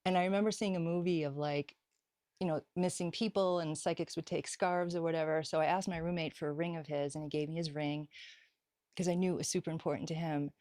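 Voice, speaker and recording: A woman's voice: low-pitched, quick pace, no room sound. A middle-aged woman, a healer and psychic medium, telling a story in a casual interview, laughing often and acting out the dialogue. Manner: animated, laughs often, acts out quoted dialogue.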